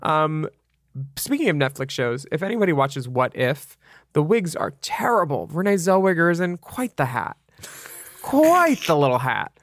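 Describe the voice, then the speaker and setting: A man co-hosting a podcast in casual chat, crude and joking with quick asides. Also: on the high side, big pitch swings, no echo, studio quality. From Italian-American. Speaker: podcast co-host.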